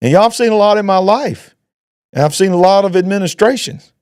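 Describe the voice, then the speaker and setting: A man's voice: sits high, a little fast, a little mellow, no room sound, clean studio sound. A man, a pastor and show host giving emphatic, preacher-like commentary. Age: 50s. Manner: emphatic, preacher-like, rising to exclaim. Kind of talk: opinionated commentary.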